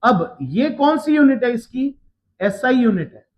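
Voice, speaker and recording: A man teaching a physics lecture, working slowly through the steps and often checking that his students follow. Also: very high-pitched, sing-song, low-quality recording. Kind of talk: classroom lecture.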